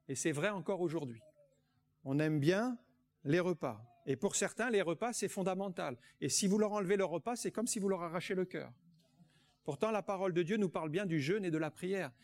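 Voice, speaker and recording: A man delivers a sermon in a notably high voice. He reads scripture aloud and preaches with emphasis, drawing out the words he wants to land. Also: a little mellow. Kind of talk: sermon with Bible reading.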